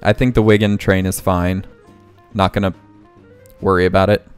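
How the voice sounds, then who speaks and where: A man with a low, steady, resonant voice talks at an ordinary pace and sounds clear. He's hosting a let's play, casually thinking out loud and correcting himself as he goes, while quiet game music plays beneath him.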